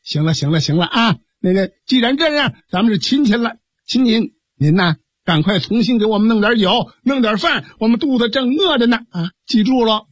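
A male storyteller voicing a bold, clever middle-aged hero who speaks briskly. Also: high-pitched, animated, no room sound, clean studio sound.

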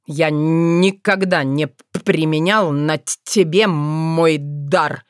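A woman voicing a reserved young male fox who speaks slowly with a stammer in an audiobook. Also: low voice, fairly even intonation, clear, resonant tone, no echo, studio quality. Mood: subdued. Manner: slow, stammering, subdued. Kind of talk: audiobook character voice.

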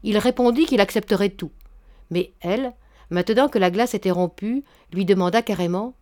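A woman narrating a literary short story as an audiobook, in a measured, expressive way. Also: mid-range voice.

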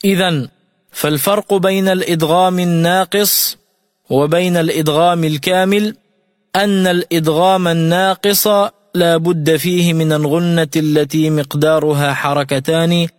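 Radio recitation teacher, man, fairly high voice, clear patient explanations, long hall reverb. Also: studio quality. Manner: explains rules clearly, then recites examples slowly and melodically. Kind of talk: radio lesson on Quran recitation.

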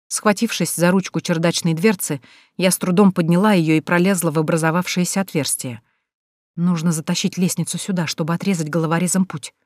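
A woman's voice: on the low side, a little mellow, no room sound, studio quality. A woman reading a first-person audiobook with tense, dramatic storytelling. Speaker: audiobook narrator.

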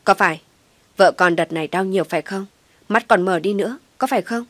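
A woman doing a young husband, frantic and demanding, in a low, dry voice. He pushes every question hard, sharp with worry, and the voice sits close and plain with no room around it. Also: steady tone, brisk, no echo, natural voice. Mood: worried. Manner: urgent, pressing.

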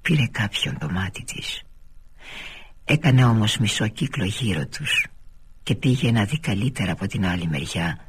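A man reading a novel aloud for radio in a measured, deliberate storytelling manner, with a husky voice. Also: fairly low pitch, animated, fairly bright tone. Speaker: reader of a novel. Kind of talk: literary audiobook narration.

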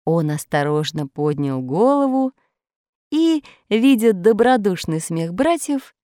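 A woman narrating a storybook in an expressive storytelling way. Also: mid-range voice, takes it slowly, no room sound, studio quality. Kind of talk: storybook reading.

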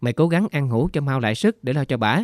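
A caring, loyal woman reassures her friend, as a man reads her part. The voice has a middle pitch. It is recorded dry and close for a storybook reading. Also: lively intonation, fast, no room sound, natural voice. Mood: soothing.

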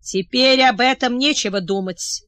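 A woman reading the part of a calm, self-assured male field marshal who speaks matter-of-factly. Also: a little high, normal speed, no room sound, lightly acted.

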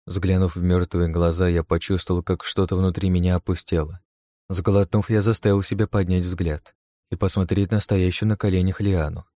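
A man narrates a first-person adventure audiobook with a very low, dark and mellow voice. He reads in a steady, measured way. The recording is dry and close. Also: no echo.

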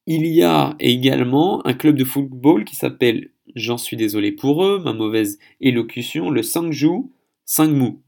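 A man's voice: medium pitch, normal speed, gravelly, few pauses, a little mellow. A man hosting a solo podcast episode, speaking in a chatty, hesitant way and stumbling over foreign names. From France. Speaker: podcast host.

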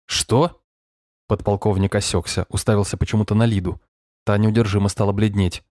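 A man reading an audiobook in measured, even narration. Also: on the low side, dry recording, clean studio sound. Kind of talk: scripted narration.

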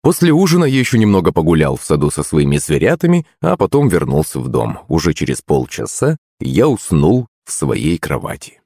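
A man reading a first-person story as an audiobook narrator, in a wry, lively storytelling manner. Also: a bass voice, brisk, slightly rough, no echo, clean studio sound.

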